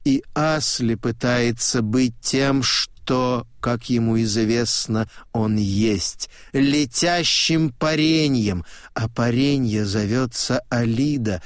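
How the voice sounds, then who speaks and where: Slow, measured male audiobook narrator. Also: mid-range voice, dry recording, studio quality. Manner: measured, repetitive, calm. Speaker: audiobook reader.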